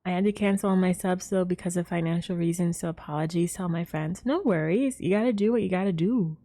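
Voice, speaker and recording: Speaking fast in a lowish, mellow voice, a woman hosts an easygoing gaming stream. Her greetings to viewers are bubbly, and she giggles a lot throughout the chat.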